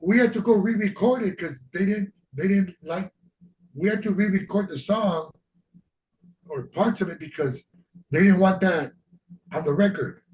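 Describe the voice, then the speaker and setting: A man's voice: high-pitched, moderate pace, long pauses, a little mellow. A man in his seventies, a band member guest, recalling memories with a sheepish laugh. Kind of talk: reminiscing interview chat. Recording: distant mic with faint hiss.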